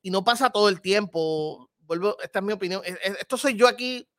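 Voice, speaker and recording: High-voiced Puerto Rican man, thoughtful. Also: fairly quick, a bit bright, dry recording, studio quality. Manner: thoughtful, hedging, mixes English words into Spanish. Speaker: podcast guest, comedian and film critic. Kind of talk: casual conversation.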